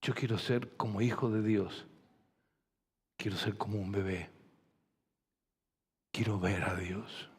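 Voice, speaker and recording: Gravelly Rioplatense pastor in a reverberant hall. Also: male voice, fairly low pitch, fairly even intonation, takes it slowly, pauses often. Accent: Rioplatense Spanish. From Argentina. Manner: gentle and soft, rising to loud fervent preaching. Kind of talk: sermon. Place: church hall.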